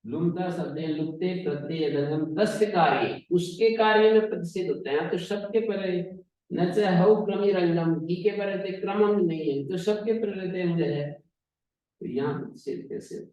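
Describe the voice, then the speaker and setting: A man's voice: high voice, normal speed, mellow, echoey room, poor audio. A man teaching Sanskrit grammar, reciting rules and then explaining them in a classroom lecture.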